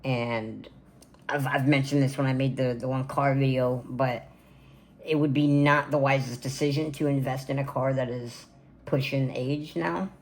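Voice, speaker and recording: A man's voice: mid-range voice, fairly even intonation, normal speed. Rambling young man vlogging casually. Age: 20s. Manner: rambling, filler-heavy, casual slang. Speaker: content creator. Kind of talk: casual birthday vlog to camera. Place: home gaming room, indoors.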